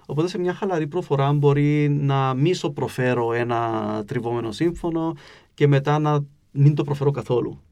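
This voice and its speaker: A man's voice: a little high, a little mellow. Cypriot man explaining patiently. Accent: Cypriot Greek. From Cyprus. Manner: patient, explains with spoken examples, many filler "e" sounds. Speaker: linguist guest. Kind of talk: explanatory interview answers.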